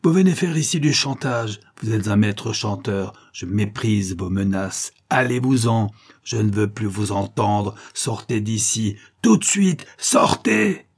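A man voicing an enraged old millionaire banker who shouts in fury, with a husky voice. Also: on the low side, animated, measured pace, few pauses. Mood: furious. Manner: shouting, furious.

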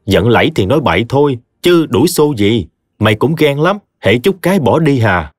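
A scheming stepmother from a spoken storybook, put on by a man, shrill and defiant. Her voice leaps up and down, sounding dry and close with soft music underneath. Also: very animated, brisk, no room sound. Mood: wheedling. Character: scheming shrill middle-aged stepmother, woman.

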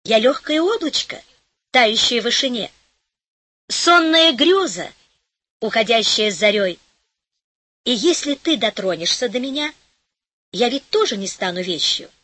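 A woman reading an audiobook, voicing a gentle dream maiden made of cloud, speaking in a soft, hushed, coaxing way. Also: fairly high pitch, expressive, unhurried, long pauses, husky, dry recording, exaggerated voice.

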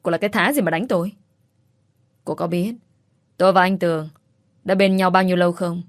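A woman reads out a scornful young woman shrieking at her rival in an audio storybook, spiteful and shrill. The voice sits rather low and sounds dry and close, with no room around it. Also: steady tone, brisk, dry recording, close to an everyday voice. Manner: shrieking accusations.

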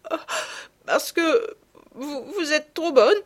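Storybook role: a woman doing a tearful, remorseful little girl, high and slow, sobbing breathlessly. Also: expressive. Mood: tearful pleading.

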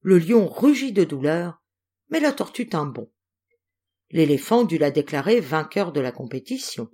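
Woman reading a storybook fable, lowish voice, really animated. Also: moderate pace, slightly rough. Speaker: audiobook reader. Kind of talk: storybook narration.

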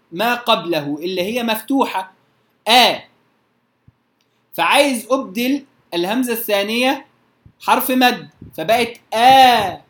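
Egyptian woman teaching recitation in a roomy space. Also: fairly high pitch. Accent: Egyptian Arabic. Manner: recites examples slowly and drawn out, often checks if students follow. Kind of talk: tajweed lesson. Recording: roomy echo.

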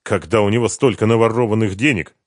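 A man's voice: fairly low pitch, fast talker, no room sound, studio quality, close to an everyday voice. A man voicing a firm young male heir who speaks coldly and curtly. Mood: stern. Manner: cold, curt and firm.

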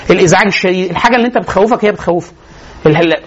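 A man with an Egyptian accent giving a religious lecture on parenting, telling lively stories and laughing often. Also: high-pitched, very fast, husky, dull audio. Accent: Egyptian Arabic.

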